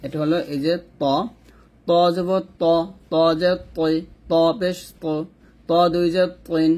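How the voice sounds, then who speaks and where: A man's voice: high voice, slow. Man chanting Quran letter drills. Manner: chanting letter-and-vowel drills in a steady repetitive rhythm. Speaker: Quran reading teacher. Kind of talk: step-by-step spelling drill lesson.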